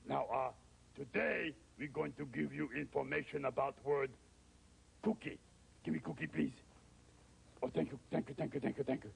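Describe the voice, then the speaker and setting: A man's voice: medium pitch, steady tone, normal speed, long pauses, slight background noise. A man voicing a greedy, childlike puppet monster with a growly voice and eager, broken grammar for a children's show. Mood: eager, friendly. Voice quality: very gravelly, growly.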